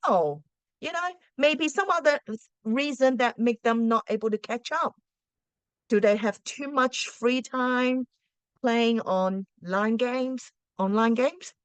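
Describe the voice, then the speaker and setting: Speaking slowly in a slightly high, clean voice, a Cantonese-native woman teacher offers parents relaxed, chatty advice peppered with rhetorical questions and restarts. The recording is dry.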